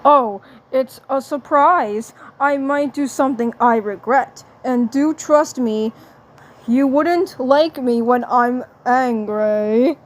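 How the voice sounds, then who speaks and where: Casting: pompous little Martian man, put on by a woman reader, prim and slow. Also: sits high. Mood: haughty. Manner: prim, haughty, slow and deliberate. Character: pompous male Martian, self-styled gentleman. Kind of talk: fan story reading.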